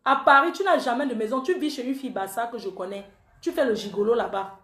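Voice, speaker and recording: A fast-talking woman with a slightly high, somewhat bright voice speaks in an echoey room. Styling herself the panther, the online commentator rants emotionally on a live stream, aiming repeated accusations straight at a man who isn't there.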